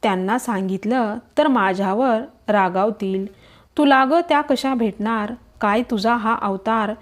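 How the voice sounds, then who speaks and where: A woman's voice: a little high, lightly acted. A woman voicing a timid, humble palace maid in a devotional story. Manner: pleading, apologetic.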